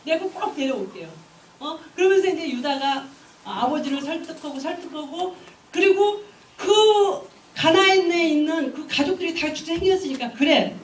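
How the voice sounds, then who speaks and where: A woman's voice: very high voice, moderate pace, roomy sound, distant mic, a little hiss or hum, poor audio. A woman evangelist preaching a sermon, telling the story with animation and exhorting her congregation. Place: church.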